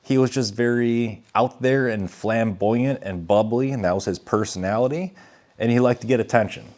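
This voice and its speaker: A man's voice: mid-range voice, moderate pace, a little mellow. A man co-hosting a casual gaming podcast, telling long, rambling stories with chuckles and the odd swear word. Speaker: podcast co-host. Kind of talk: casual chat.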